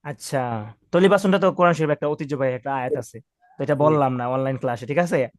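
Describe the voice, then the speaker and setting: A man's voice: mid-range voice, fast talker, no room sound, studio quality. A man teaching Arabic words to a class, patiently correcting pronunciation and leading call-and-response drills.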